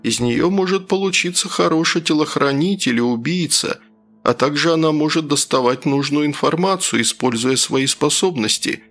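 A man's voice: fairly high pitch, moderate pace, fairly bright tone, soft background music. A man voicing a blunt, commanding male warrior mentor in an audiobook. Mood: stern. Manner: blunt, commanding, rough-spoken.

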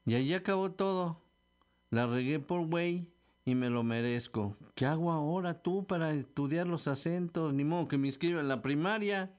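A man playing a young Mexican male applicant, raised pitch, pleading, protesting. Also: normal speed, clean tone, close to an everyday voice. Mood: sheepish. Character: young male job applicant, indignant then sheepish.

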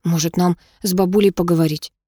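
A timid, gentle teenage girl, as a woman reading a story puts her on speaks hesitantly and softly in a raised pitch. The recording is dry and close. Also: fairly even intonation, a little fast, slightly rough, no echo.

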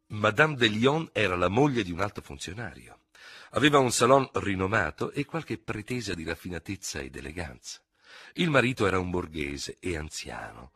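A man narrating a classic novel as an audiobook, in an expressive, theatrical reading style on a close studio mic. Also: lowish voice, husky, no echo. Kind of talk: scripted literary narration.

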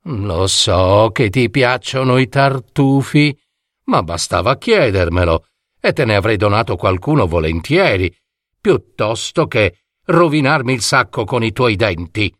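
A humble, kind-hearted truffle hunter in a storybook, as a man voices him. He speaks a little lower and softer, generous and gentle. The recording is dry and close. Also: expressive, measured pace, dry recording. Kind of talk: storybook reading.

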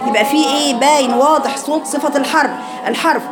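A woman with an Egyptian accent teaching Quran recitation, correcting students and drawing sounds out slowly to demonstrate. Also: high voice, a loud crowd, very noisy. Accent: Egyptian Arabic. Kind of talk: online recitation class.

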